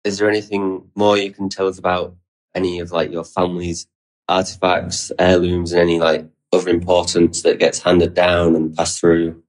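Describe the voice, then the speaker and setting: Man, volunteer interviewer; deep, monotone, hesitant. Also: normal speed, rough recording. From England. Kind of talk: interview question.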